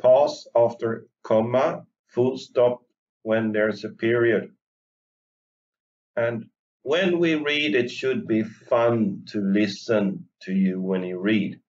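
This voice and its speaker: A male English teacher giving an online lesson to young learners, speaking slowly and deliberately and modeling pronunciation for them to repeat. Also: mid-range voice, darkish tone, dull audio.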